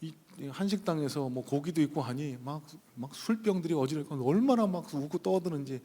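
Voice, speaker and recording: A man's voice: a little high, animated, brisk, warm tone. A male pastor telling a personal story in a sermon, conversational and full of hesitant fillers, speaking from the pulpit of a church sanctuary. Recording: long reverb of a church hall.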